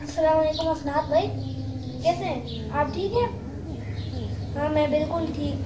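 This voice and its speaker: A woman's voice: high-pitched, expressive, moderate pace. A woman voicing a cheerful young boy in a children's cartoon, chatting with his friends and then speaking to viewers as the host. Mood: friendly. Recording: echoey room with background noise.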